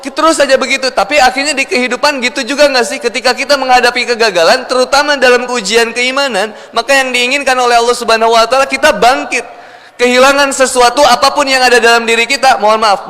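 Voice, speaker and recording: Male preacher, Sundanese accent, high bright voice, storytelling sermon in a reverberant hall. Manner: lively storytelling, acting out both sides of a married couple's spat. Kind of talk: humorous sermon.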